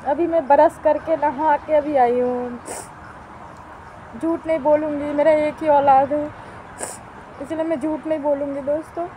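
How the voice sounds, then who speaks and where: A woman's voice: high-pitched, fairly even intonation, unhurried, long pauses, warm tone, slight background noise, poor audio. A middle-aged woman talking to her viewers in a home vlog, plaintive and complaining, often going back over the same points. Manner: plaintive, complaining, repeats herself. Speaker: vlogger. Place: at home by a wood stove, outdoors.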